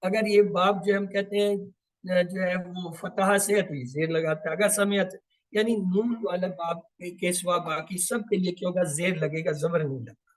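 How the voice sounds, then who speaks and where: A man with a high voice gives a step-by-step grammar lesson on the Quran. He asks his own questions and answers them, drawing out each Arabic drill word slowly. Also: steady tone, rough recording. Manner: draws out and repeats Arabic drill words slowly.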